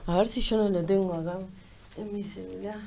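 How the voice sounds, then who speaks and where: A woman with a Uruguayan accent chatting casually as a guest, animated and emphatic as she tells stories. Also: medium pitch, vocal fry, slight background noise. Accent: Uruguayan Spanish. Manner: animated, laughing, emphatic storytelling. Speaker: guest, astrologer and powerlifter. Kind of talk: casual conversation.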